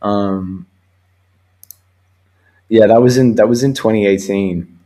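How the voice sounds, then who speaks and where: A man's voice: lowish voice, fairly even intonation, takes it slowly, dark tone, low-quality recording. A young man hosting a live talk show, chatting casually and laughing often. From Australia. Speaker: host. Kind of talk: casual chat.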